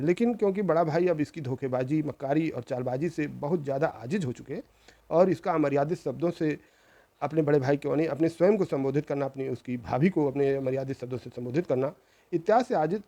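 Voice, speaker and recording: Here the middle-aged host of a channel shares a real family story in earnest. His pitch is fairly high, his pace brisk and his tone warm, and he moralizes reproachfully while repeating phrases for emphasis.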